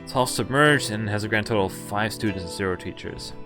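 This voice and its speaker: A man with a fairly low voice talks fast while streaming a visual novel. He reads the dialogue aloud and adds casual, dry, sardonic remarks, with the game music clearly audible behind him.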